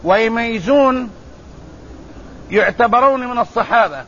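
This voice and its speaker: A man with a high voice delivers a religious lesson, reading hadith and explaining them slowly and deliberately. The recording sounds muffled and lo-fi. A faint hiss runs underneath. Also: expressive, bright, forceful tone. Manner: measured, deliberate delivery with repeated phrases. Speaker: hadith teacher. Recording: muffled, slightly lo-fi with faint ambient noise.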